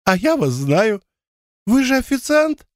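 A man playing a tipsy young fellow who stammers and giggles, his voice swinging high and low with drunken glee. It sounds dry and close, as if read in a small booth for an audiobook. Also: big pitch swings, unhurried, no room sound, full character voice. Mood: giddy.

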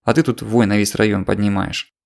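A man's voice: fairly low pitch, flat delivery, brisk, gravelly. A man playing a young police detective who speaks sternly and with dry mockery. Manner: stern, drily mocking.

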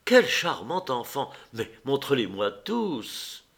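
A man reading aloud, voicing an affectionate young society lady in a tender, gently pleading way. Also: medium pitch, sing-song, takes it slowly, gravelly, exaggerated voice. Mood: delighted.

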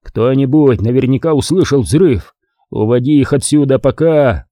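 A man's voice: medium pitch, moderate pace, dark tone, no room sound, lightly acted. A man voicing a wounded male soldier who speaks with stoic, dry understatement in an audiobook. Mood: wry, stoic.

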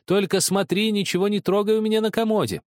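A man's voice: sits high, steady tone, quick pace, no room sound, clean studio sound, voice pushed up, close to an everyday voice. A man voicing a spiteful older sister who shrieks, accuses and whines tearfully. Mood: scolding.

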